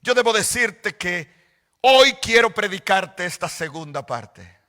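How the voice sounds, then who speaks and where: Male pastor, very high voice, slow emphatic sermon delivery, long church reverb. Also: lively intonation. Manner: emphatic, rising to shouts on quoted scripture; slow and deliberate, repeating phrases for emphasis. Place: large church hall.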